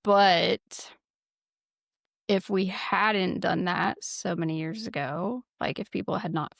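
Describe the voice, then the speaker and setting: A woman's voice: on the low side, slow, creaky, fairly bright tone, dry recording, clean studio sound. A woman co-hosting a casual political chat, emphatic and freely profane. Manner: profane, emphatic, repeats words for stress.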